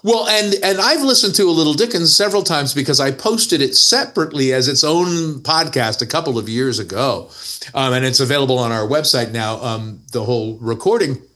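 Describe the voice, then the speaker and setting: A man's voice: mid-range voice, fairly quick, pushed and bright. Male podcast host, easygoing chat, mid-range voice, video call.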